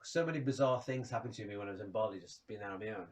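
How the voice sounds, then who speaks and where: A man's voice: on the low side, very fast, recorded from a distance. Rambling man, a bit off-mic. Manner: rambling, frank, swears casually. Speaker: vlogger. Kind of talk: casual personal rant to camera.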